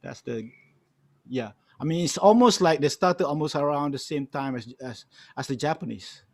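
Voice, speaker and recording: A middle-aged man with a Malaysian accent, a guest storyteller and music archivist, shares anecdotes on a panel. His voice sits on the high side at a moderate pace in a dry recording. He tells his stories casually yet emphatically, repeating phrases and often saying "you know".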